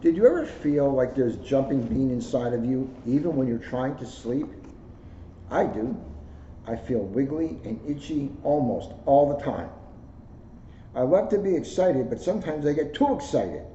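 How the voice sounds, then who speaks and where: A police officer reads a children's book aloud with casual asides, speaking in a mellow, mid-range, expressive voice at a moderate pace. He's indoors on the second floor of a borough hall, and the recording has a roomy echo, a dull lo-fi quality, and clear noise.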